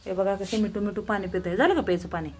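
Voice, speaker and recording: A woman's voice: medium pitch, quick pace, a crowd in the background. A woman showing her pet cats at home in a casual vlog, cooing and calling to them in a sing-song voice.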